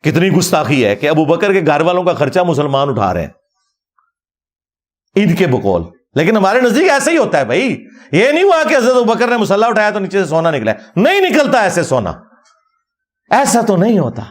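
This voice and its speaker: A man's voice: sits high, wildly swooping pitch. A man giving a critical religious talk in a mocking, argumentative way. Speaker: religious speaker.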